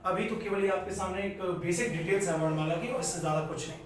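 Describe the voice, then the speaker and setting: A man's voice: sits high, fast, a little hiss or hum. A man teaching a Hindi grammar lesson, explaining step by step and repeating key points, in an echoey room far from the mic. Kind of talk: classroom lecture.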